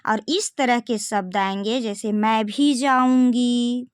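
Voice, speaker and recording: A woman's voice: a little high, steady tone, slow pace, clear, resonant tone, dry recording, clean studio sound. A young woman teaching Hindi grammar in a video lesson, explaining step by step and asking rhetorical questions of her students. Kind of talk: classroom-style video lesson.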